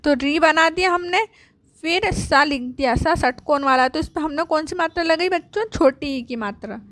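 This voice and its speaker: A woman teaching young children at a board. She asks questions and answers them herself, and she draws out each letter sound slowly. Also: sits high, a bit bright, no room sound. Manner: slow, drawn-out sounding of letters.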